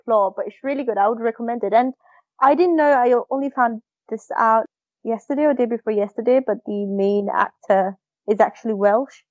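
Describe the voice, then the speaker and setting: A woman's voice: a little high, a little fast, no echo, dull audio. A woman co-hosting a casual chat, talking enthusiastically about a show she recommends. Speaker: podcast co-host.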